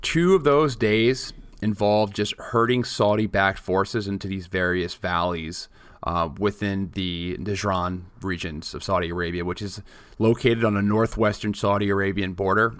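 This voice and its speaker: A man's voice: on the low side, steady tone, moderate pace, a bit bright, no echo. A man in his late twenties co-hosting a casual podcast chat, joking and rambling with many restarts. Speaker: podcast co-host.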